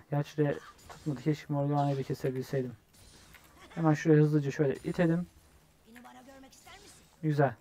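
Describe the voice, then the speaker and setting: A young man giving live gameplay commentary, excitable, yelling at teammates and swearing when frustrated. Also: fairly high pitch. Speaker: gamer streamer.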